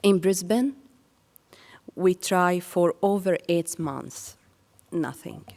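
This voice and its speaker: A woman from Syria giving a prepared speech to an audience in measured, earnest phrases. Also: lowish voice, darkish tone, in a large hall. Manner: slow and measured, with earnest pauses. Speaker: speaker sharing her career story.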